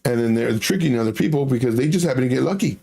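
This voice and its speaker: Quick and expressive, the crypto commentator's medium-pitched voice carries a warm tone and vocal fry as he hosts his livestream. His casual chart commentary is blunt and emphatic, full of repeated phrases.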